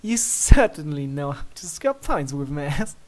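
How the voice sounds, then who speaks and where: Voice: mid-range voice, very animated, unhurried. A narrator voicing a female pony princess in a story reading, playful, smug and flirty, with a coy regal manner. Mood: coy, teasing.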